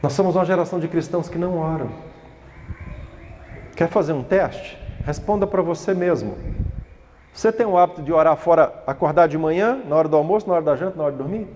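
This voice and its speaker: A man's voice: sits high, a little mellow. A man preaches a sermon. He acts out prayers and little dialogues and builds to fervent pleading. The sound carries a long reverb from a church hall. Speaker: pastor.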